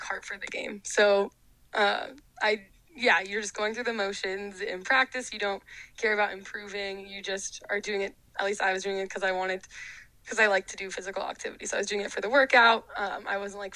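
A woman's voice: medium pitch, bright, forceful tone, no echo, poor audio. A young woman, a college athlete, talking casually and reflectively in an interview, with lots of fillers. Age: young adult. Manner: reflective, chatty, many fillers.

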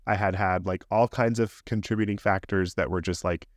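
Low-voiced dad telling a candid story. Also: male voice, fairly even intonation, normal speed, no echo, clean studio sound. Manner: rambling, candid storytelling with laughs. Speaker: podcast co-host. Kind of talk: casual chat.

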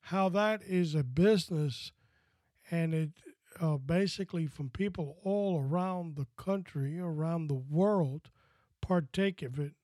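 A man's voice: a little high, unhurried, darkish tone, no room sound. An American man hosting a podcast in a casual, folksy, wordy way. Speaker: podcast host.

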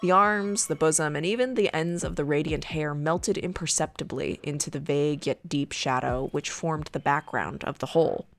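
Low-voiced woman reading a gothic tale. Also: normal speed, hardly any pauses, no echo, soft background music. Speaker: podcast host reading a short story aloud. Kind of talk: dramatic storytelling, reading a gothic horror tale aloud.

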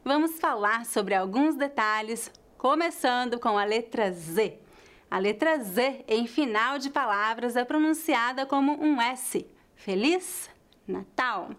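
Slow, careful Brazilian woman teacher. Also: on the high side, a bit bright. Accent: mixed Brazilian Portuguese, closest to São Paulo. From Northeast Brazil. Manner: slow, careful, repeats example words deliberately. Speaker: language teacher. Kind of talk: pronunciation lesson.

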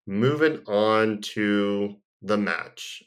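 A man's voice: fairly low pitch, drawn-out words. A man hosting a casual podcast, chatting in an easygoing, rambling way and reading a sponsor spot. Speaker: podcast host. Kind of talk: casual chat and live ad read.

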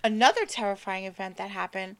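A woman's voice: mid-range voice, brisk, fairly bright tone. A woman co-hosting a podcast, casually retelling a haunted-house history, tripping over names and swearing offhandedly. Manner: stumbles over names and words, laughs at herself. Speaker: podcast co-host telling the story. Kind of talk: casual storytelling chat.

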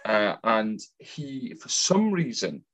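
A man's voice: lowish voice, sing-song, slow pace, a bit bright. A man co-hosting a casual podcast, telling stories in a chatty way. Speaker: podcast co-host.

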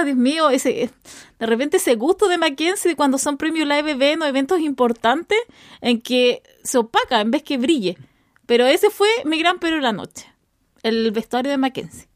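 A woman's voice: high-pitched, no room sound, clean studio sound. A woman with a Chilean accent chatting casually and expressively as a podcast co-host, giving her opinions.

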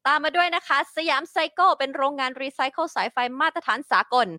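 A woman's voice: high-pitched, fast talker, no echo, clean studio sound. A woman co-hosting a casual talk show and reading sponsor plugs in a playful manner. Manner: lively, playful. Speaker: co-host.

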